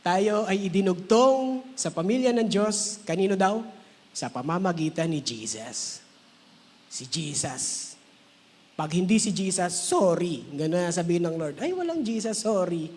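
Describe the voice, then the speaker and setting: A man's voice: sits high, a little slow, in a large hall. A man pastor preaching a conversational sermon, mixing English phrases in and acting out quoted voices.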